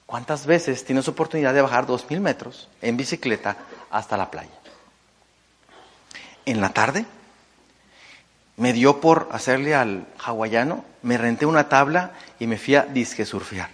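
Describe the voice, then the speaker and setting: A middle-aged Mexican man with a Mexican Spanish accent, telling an animated story to an audience as a motivational business speaker, full of fillers and rhetorical questions. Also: mid-range voice, unhurried, long pauses. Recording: long hall reverb.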